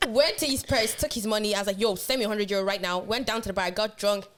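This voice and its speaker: A young woman, telling a story in animated, slangy podcast chat. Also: medium pitch, quick pace. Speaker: podcast co-host.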